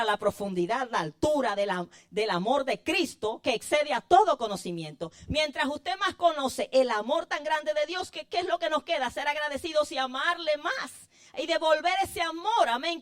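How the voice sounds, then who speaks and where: A woman preaches a sermon in a high voice. She talks fervently, lifting and dropping her emphasis as she calls on her listeners as brothers.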